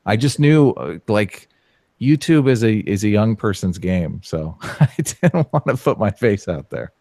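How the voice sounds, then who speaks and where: A man in his forties talks as an easygoing guest, joking lightly and answering freely. His voice is fairly low. The recording is dry, with little room sound. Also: lively intonation, unhurried, creaky, dark tone, no room sound. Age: 40s. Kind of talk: casual interview chat.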